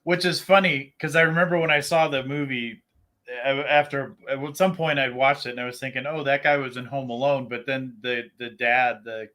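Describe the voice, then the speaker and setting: A man's voice: mid-range voice, steady tone, moderate pace, sharp tone. A man talking casually as a panelist on a livestream. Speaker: live show panelist.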